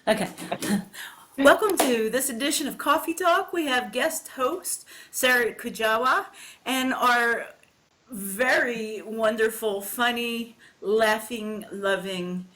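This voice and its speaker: A woman hosting a relaxed morning chat, her voice sitting a little high. She tells stories in a chatty, giggly way and often laughs between lines. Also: takes it slowly. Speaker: host. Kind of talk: casual chat.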